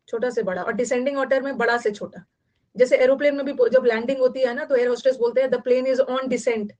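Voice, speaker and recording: Indian woman teacher, repetitive explaining. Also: high-pitched. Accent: Indian English. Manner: explains in mixed Hindi and English, repeating words and meanings. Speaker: English teacher. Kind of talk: online class lecture.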